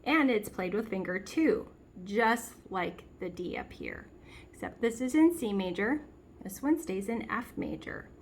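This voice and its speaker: A woman's voice: mid-range voice, expressive, measured pace, breathy edge. A woman giving a step-by-step piano lesson, patiently explaining and counting and half-singing the beats aloud. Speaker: piano teacher. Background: piano played along.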